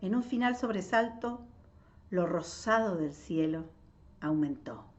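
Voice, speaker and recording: A woman with an Argentine accent reading a novel aloud, in a measured way with pauses, adding her own comments. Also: lowish voice, lively intonation, darkish tone. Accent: Argentine Spanish. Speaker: literature reader. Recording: dull lo-fi audio.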